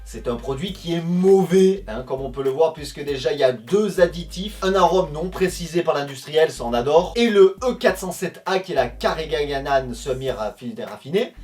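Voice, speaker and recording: A high-pitched man from France talks through a casual product-comparison vlog in a chatty, friendly way, full of little fillers and side remarks. He sits a little back from the mic. Faint music plays underneath. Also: a little mellow, far from the mic. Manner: chatty and conversational, addresses viewers as friends, with frequent fillers. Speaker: food review vlogger.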